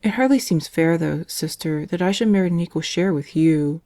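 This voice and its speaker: A woman voicing a calm, devout male prisoner whose letters are gentle and resigned. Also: lowish voice, normal speed, natural voice. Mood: earnest.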